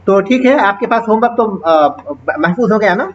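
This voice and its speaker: A man's voice: high-pitched, highs cut off, slight background noise. A man teaching an Arabic grammar class online, patiently explaining and reciting verb forms with their translations.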